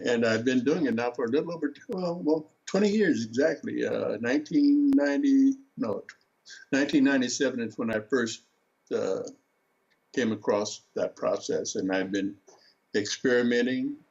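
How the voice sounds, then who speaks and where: An older man from Seattle, a guest artist talking in an interview, slow to find his words, with many filler sounds. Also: medium pitch, a little mellow, breathy edge. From Seattle, USA. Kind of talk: relaxed interview talk. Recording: dull lo-fi sound.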